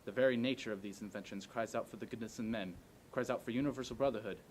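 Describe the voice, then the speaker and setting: A man performs an earnest speech recitation. His medium-pitched voice moves in measured, declamatory phrases. A faint rumbling noise sits behind him. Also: darkish tone, poor audio. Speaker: amateur performer.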